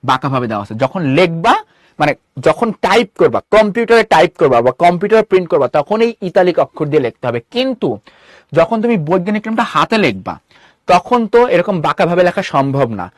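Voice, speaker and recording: A man's voice: high-pitched, big pitch swings, no room sound, studio quality. A man with a Bangladeshi Bengali accent teaching a live online class, rattling off questions to his students. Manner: quick, repeatedly quizzing students with rhetorical questions. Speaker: online tutor.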